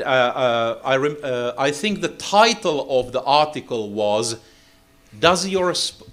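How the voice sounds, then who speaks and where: Giving a technical seminar in English, this man from Finland speaks with a Finnish accent, being a native Finnish speaker. He halts often with "uh, uh" fillers, and his voice is medium in pitch with a fairly bright tone.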